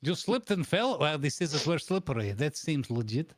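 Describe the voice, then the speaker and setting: A man playing a deadpan, bossy boss who interviews absurd job candidates in a mock-formal, deliberate way on an improvised comedy stream. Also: a little high, no echo, studio quality. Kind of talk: improvised comedy role-play.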